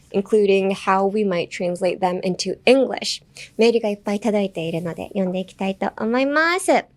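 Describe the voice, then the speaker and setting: A young woman hosting a casual language-lesson podcast, explaining phrases in a chatty way and laughing lightly now and then. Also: medium pitch. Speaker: podcast host.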